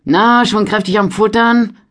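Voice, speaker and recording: A woman's voice: very animated, normal speed. Woman voicing a hearty peddler man. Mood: jovial. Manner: hearty, loud, booming calls. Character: jovial stocky male peddler in his thirties.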